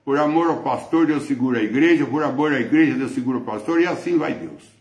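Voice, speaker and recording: A man's voice: mid-range voice, fast, darkish tone, echoey room. A man with a Brazilian accent preaching a sermon as pastor, emphatic and repetitive. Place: church.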